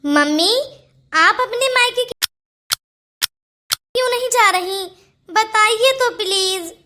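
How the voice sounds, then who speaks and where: A woman's voice: extremely high pitch, takes it slowly, bright, forceful tone, a little hiss or hum, heavily acted. A pleading little cartoon boy. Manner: pleading, wheedling. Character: small boy, curious and pleading. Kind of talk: cartoon voice acting.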